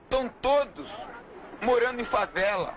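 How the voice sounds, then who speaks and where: High-pitched man giving measured testimony. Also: expressive. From Trindade, Brazil. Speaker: community spokesman. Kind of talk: interview testimony. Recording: muffled 1979 film audio, faint hiss.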